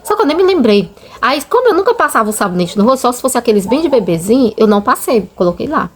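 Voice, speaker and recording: Fairly high-pitched and sing-song, the woman speaks fast against slight background noise. She's a Brazilian channel host with kids and a Brazilian Portuguese accent, earnestly recounting her faith testimony in casual story form and repeatedly addressing viewers as "gente."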